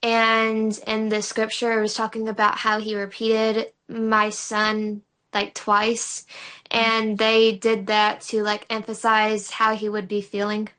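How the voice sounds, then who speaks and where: Slow, hesitant student, a woman. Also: mid-range voice, monotone, a bit bright, clean tone. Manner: hesitant, many fillers. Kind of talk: answering in class.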